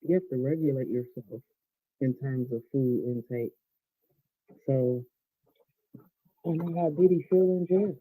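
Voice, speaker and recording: A man's voice: medium pitch, measured pace, long pauses, no echo, phone-quality sound. An American man in a casual, rambling vlog monologue, talking with his mouth full, colloquial and unguarded, often trailing off. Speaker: vlogger.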